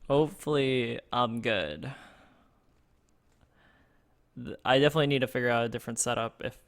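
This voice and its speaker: Close to a desk microphone, a man streams a card game and thinks out loud, often halting with fillers and restarts in casual gameplay talk. His voice is smooth, clear and a bit bright, in the middle pitch range with fairly even intonation.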